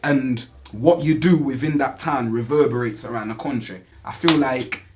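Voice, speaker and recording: A male rapper with a Nottingham accent chats casually in an interview. His voice sits at a medium pitch. He speaks in street slang and keeps adding little tag questions to the ends of his phrases. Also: normal speed, a little mellow. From Nottingham, England. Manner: repeatedly tags phrases with "you get me" and "innit".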